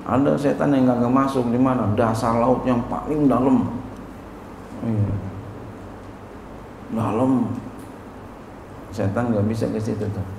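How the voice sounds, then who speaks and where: A male Islamic cleric gives a religious study lecture in casual street slang, joking, and swinging from loud exclamations to soft asides. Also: medium pitch, steady tone, slow, gravelly, pauses often. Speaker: Islamic cleric teaching a classical text. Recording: roomy long reverb, faint hum.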